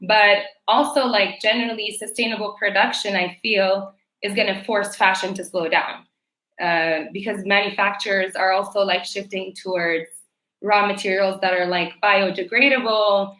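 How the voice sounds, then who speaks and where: A woman's voice: mid-range voice, fairly even intonation, moderate pace, bright, forceful tone, roomy sound, poor audio. A young adult woman from Ethiopia, a fashion designer and entrepreneur, answering interview questions in a chatty way with many fillers.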